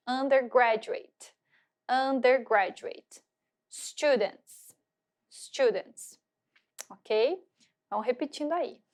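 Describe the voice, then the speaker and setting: High-voiced woman teaching English. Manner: slow drawn-out repeated pronunciation drills; frequent check-ins with "tá?" and "ok?". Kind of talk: recorded online lecture.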